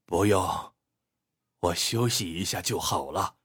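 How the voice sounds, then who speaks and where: A seventy-year-old bone-setter speaks in a low, hushed, husky voice, put on by a male storyteller. He takes his time and never raises his voice. He comes across as modest and steady. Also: no echo, clean studio sound, full character voice. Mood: calm. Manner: low, unhurried, quiet speech.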